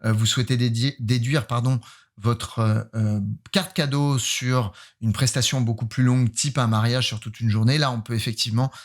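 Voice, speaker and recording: A man from France hosts a casual photography vlog. He talks in a playful, self-mocking way, often hesitating with fillers. His voice sits at a middle pitch for a man. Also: steady tone, normal speed. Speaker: photographer running a giveaway.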